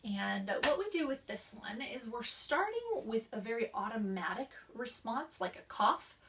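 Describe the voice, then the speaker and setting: A woman's voice: fairly high pitch, sing-song, distant mic, background noise. A young woman explaining voice therapy exercises and demonstrating them herself. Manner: demonstrates exercises with coughs, sighs and slow linked speech. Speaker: voice instructor.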